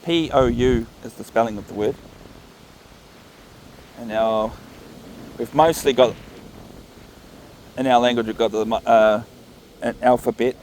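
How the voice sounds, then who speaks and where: A man's voice: medium pitch, steady tone, a little mellow, slight background noise, rough recording. A man with a New Zealand accent rambling casually and thinking aloud as he records a vlog on a walk. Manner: unhurried, thinking aloud, musing. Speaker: vlogger walking his dog. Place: outdoors, walking along a path. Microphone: phone recording while walking.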